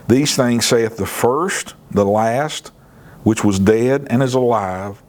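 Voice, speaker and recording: A man pastor teaching a Bible lesson in a sermon style, earnest, often repeating words as he starts a phrase and lifting his voice to stress a point. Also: fairly low pitch. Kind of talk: sermon teaching through scripture.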